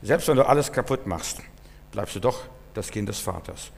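A man's voice: fairly low pitch, expressive, moderate pace, vocal fry. A man preaching a sermon in German, earnest and repetitive, speaking straight to the listener. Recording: long reverb, hall.

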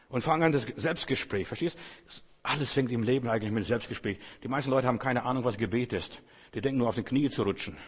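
A man's voice: medium pitch, husky, long reverb tail. A man preaching a sermon in German, fervently exhorting his listeners and speaking to them directly.

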